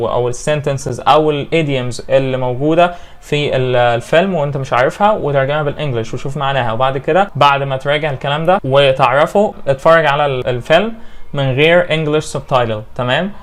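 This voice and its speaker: Egyptian man teaching English pronunciation. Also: medium pitch. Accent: Egyptian Arabic. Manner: checks in with "okay?" and "right?" after points. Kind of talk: casual online lesson mixing Arabic and English.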